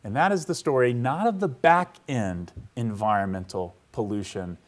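A man's voice: medium pitch, moderate pace. Conversational male lecturer telling a story. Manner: conversational, keeps checking in with the audience; storytelling, asks listeners to picture a scene. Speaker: university history lecturer. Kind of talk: public lecture to a live audience. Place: lecture hall.

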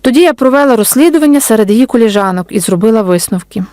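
A woman author reading her storybook aloud in a gentle, unhurried way. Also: on the high side, expressive, no echo. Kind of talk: storybook narration.

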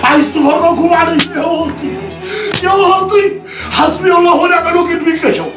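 An actor playing a furious, pious father who shouts and curses as he throws his son out, speaking with an Egyptian accent. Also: very high-pitched, steady tone, quick pace, distant mic. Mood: enraged. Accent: Egyptian Arabic. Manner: shouting, cursing, invoking God. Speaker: angry father. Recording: echoey film soundtrack with loud music.

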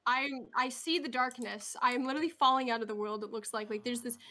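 A woman's voice: on the high side, fast talker, crowd noise. A woman streamer chatting casually and rambling while playing a game with friends, joking at her own expense. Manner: chatty, rambling, self-deprecating. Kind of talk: casual gaming chat.

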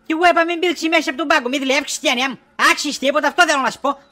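A woman's voice: high-pitched, bright, forceful tone. A woman playing a nosy middle-aged wife in a comedy sketch, pushy and prying for gossip.

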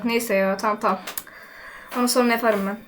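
A woman's voice: a little high, fairly even intonation, a little hiss or hum. A woman giving casual gameplay commentary, chatting to herself and her viewers while she builds. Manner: chatty, talks to herself while playing, quick exclamations. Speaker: gaming channel host.

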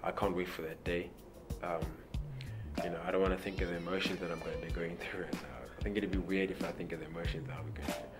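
Talking fast, a young rugby player from South Africa gives a laid-back, rambling interview answer in a very low voice, repeating words as he stumbles and saying "you know" a lot. Behind him is a press backdrop, and clear music runs under his voice the entire time.

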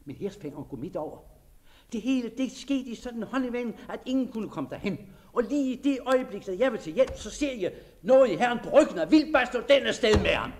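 A man giving a dramatic first-person reading of a diary, talking in a shy, hesitant and dreamy manner that sinks very soft in tender passages. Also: extremely high pitch, expressive. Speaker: narrator.

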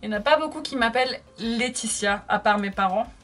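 A chatty woman in her thirties answers comments while she does her makeup at home. Her voice sits a little high, and she talks in a bubbly, casual way. Soft music plays faintly behind her. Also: a little fast. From France. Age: 30s. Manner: chatty and bubbly, reads viewer comments aloud. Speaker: makeup vlogger.

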